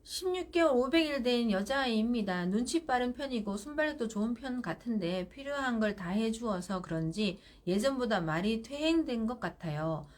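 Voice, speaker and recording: A woman's voice: on the high side, lively intonation, moderate pace, hardly any pauses. A middle-aged woman hosting live parenting advice, speaking firmly and directly and acting out parent-child exchanges. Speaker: parenting counselor.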